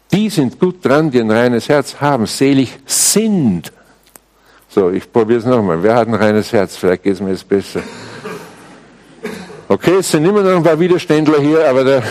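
A man preaching a sermon to a live congregation, emphatic and deliberate, with wry asides to his listeners. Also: mid-range voice, darkish tone. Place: church service before a live congregation.

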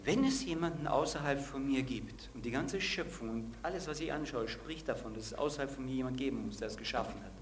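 A man's voice: medium pitch, lively intonation, quick pace, few pauses, a little hiss or hum. A man preaching a sermon and asking the congregation direct questions.

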